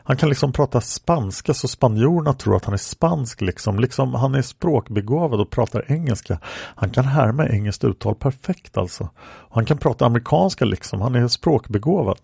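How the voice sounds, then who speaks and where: A man's voice: mid-range voice, lively intonation, vocal fry, a little mellow, breathy edge, no echo, clean studio sound. A man reading aloud a woman's answers in a police interrogation record, rambling with many fillers. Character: woman questioned by police, plain-spoken.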